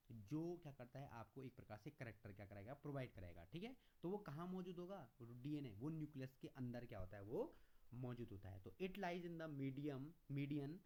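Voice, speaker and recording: A male teacher with a mellow, mid-range voice lectures a class in question-and-answer fashion, supplying his own answers. Addressing students as "beta," he switches between Hindi explanations and slower readings of English notes.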